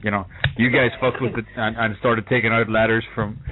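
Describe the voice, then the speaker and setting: A man's voice: on the low side, flat delivery, a little fast. Tinny-sounding man with an Irish accent. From England. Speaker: gaming podcast co-host. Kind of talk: casual chat, swearing freely. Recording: tinny phone-like voice call, music behind.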